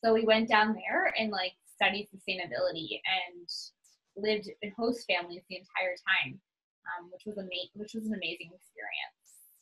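A woman's voice: mid-range voice, moderate pace, pushed and bright, poor audio. A woman in her twenties from New England, chatting casually as an interview guest and filling her speech with "like". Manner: chatty, uses "like" a lot, upbeat.

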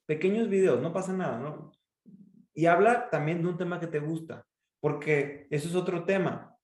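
Mexican coach in an echoey room. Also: male voice, normal speed. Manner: expressive, demonstrates pitch and emphasis. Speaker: speaking coach. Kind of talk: coaching in a podcast interview.

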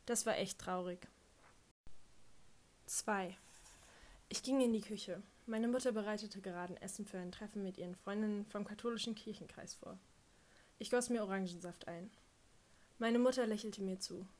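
A woman's voice: mid-range voice, fairly even intonation, moderate pace, long pauses, a little mellow. A woman reading a first-person audiobook narration with a dry, wry delivery.

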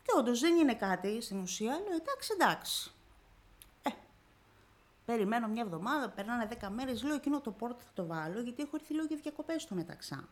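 Fairly high-pitched, sing-song and a little mellow, this woman's voice carries an emotional personal story on a radio interview, where she is the guest. She retells it vividly, acting out the dialogue with constant "I say, she says."

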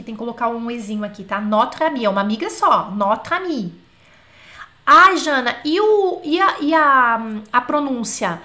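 Woman teacher, slightly high voice, chatty online French lesson, stretches out dictated words. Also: bright, forceful tone. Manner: slow, drawn-out dictation of example words; chatty, asks the class questions. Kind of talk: live online language class.

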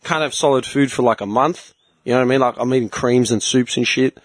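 A man spins a swearing, animated story in a casual chat. His voice sits in a middle register and sounds dry and close, with no room echo. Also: mid-range voice, fast talker.

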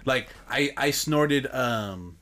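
A man with a slight lisp, hosting a podcast with friends. He talks in a loose, joking, profane way at a middling pitch. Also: lively intonation, drawn-out words, sharp tone, a little hiss or hum. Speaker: podcast host. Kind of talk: casual chat.

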